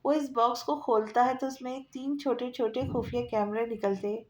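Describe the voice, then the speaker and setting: A woman narrating a romance novel aloud in a steady storytelling manner. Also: fairly high pitch, slight background noise. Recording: echoey room.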